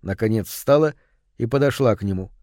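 A man reading a story aloud as narrator in a calm, measured way. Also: lowish voice, no echo, studio quality. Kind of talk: scripted audiobook narration.

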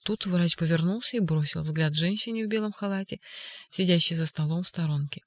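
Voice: mid-range voice, brisk, no echo. Dry, close audiobook narrator. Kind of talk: scripted narration.

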